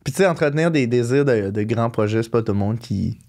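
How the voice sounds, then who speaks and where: A man's voice: mid-range voice, lively intonation, quick pace, darkish tone. A young adult man speaking casually with a Quebec French accent, slangy and repeating himself for emphasis. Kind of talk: casual conversation.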